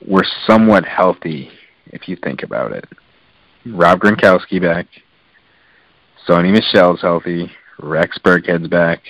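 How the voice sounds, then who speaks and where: A man's voice: low-pitched, a bit bright, dry recording, low-quality recording. A man co-hosting a casual sports podcast, talking in detail and with enthusiasm, with lots of fillers. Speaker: podcast co-host.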